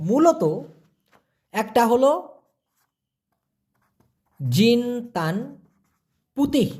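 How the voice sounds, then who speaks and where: A man leads a vocabulary lesson. He explains patiently and sounds out each word slowly, syllable by syllable. His pitch rises and falls in a lively, animated way. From Bangladesh. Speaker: language teacher.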